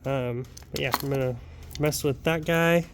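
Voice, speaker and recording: A young hobbyist talks through fixing his car in a home garage vlog, rambling with ums and asides while sounding a little sick and wheezy. His mid-range voice is steady at a moderate pace, with background noise present.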